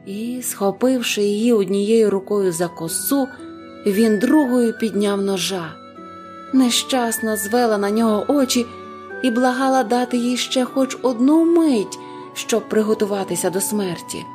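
A woman narrating a fairy tale in an expressive, dramatic reading. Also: a little high, unhurried, music in the background. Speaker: storyteller.

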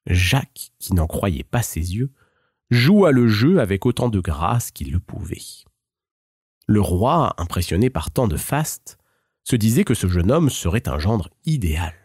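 Male fairy-tale narrator, unhurried with lively pitch, dry close sound. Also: slightly rough, no room sound. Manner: measured, expressive. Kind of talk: storybook narration.

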